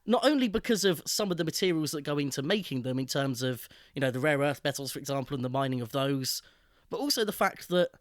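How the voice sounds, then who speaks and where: A man co-hosting a podcast, voicing firm opinions on technology with deliberate emphasis. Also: a little high, expressive, no room sound, clean studio sound. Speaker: podcast co-host. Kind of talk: casual tech chat.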